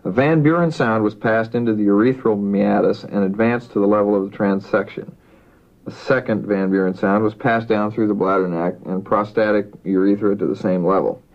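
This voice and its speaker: A man working as a doctor, giving rapid medical dictation in a formal, matter-of-fact manner. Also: fairly low pitch. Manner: formal, matter-of-fact, reads out punctuation and spellings. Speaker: doctor dictating an operative report. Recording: dull, lo-fi dictation recording.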